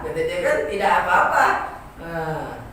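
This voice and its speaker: A male teacher giving an informal class, his voice bouncing around a very echoey room and heard from far from the mic. His pitch swings up and down a lot as he jokes, laughs and imitates his students' mangled phrases. A faint hum of noise sits underneath. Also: sing-song, a little slow, bright, forceful tone. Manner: jokey, often laughs, mimics students' broken Arabic. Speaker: Arabic language teacher.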